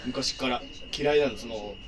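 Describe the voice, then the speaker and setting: A man hosting a casual radio talk show who teases his guest in rapid, animated bursts. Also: mid-range voice, crowd noise.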